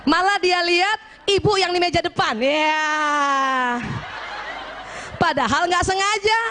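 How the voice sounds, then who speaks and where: A woman from South Sulawesi giving a lively marriage advice talk to a women's gathering, teasing and acting out little scenes while often checking in with her listeners. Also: extremely high pitch, slow pace, a little hiss or hum. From Bugis, South Sulawesi.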